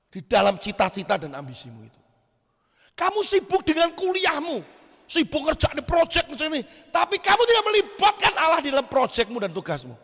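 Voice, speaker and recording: A male pastor gives a lively youth sermon, swinging from shouts to quiet asides. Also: very high-pitched. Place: church hall. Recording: echoey church hall.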